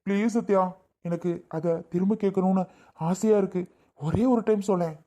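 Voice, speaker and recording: A woman's voice: mid-range voice, fairly even intonation, moderate pace, mellow, close to an everyday voice. A woman playing an eager young husband who keeps pleading and repeating himself insistently. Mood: overjoyed. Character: eager young husband, anxious then overjoyed. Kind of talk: Tamil family skit acting.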